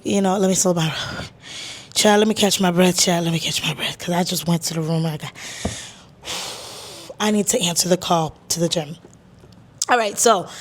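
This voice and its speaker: A young woman from Boston hosting her own podcast, talking in a casual, chatty monologue with asides like "child" and "hold up". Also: mid-range voice. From Boston, USA. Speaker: podcast host.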